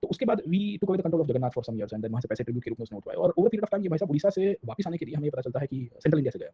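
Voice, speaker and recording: Husky and expressive, this man's fairly high voice races along very fast as he gives a casual history lecture in Indian-accented speech. Switching between Hindi and English, he constantly adds tag words and check-in questions; the audio is dry, dull, and lo-fi.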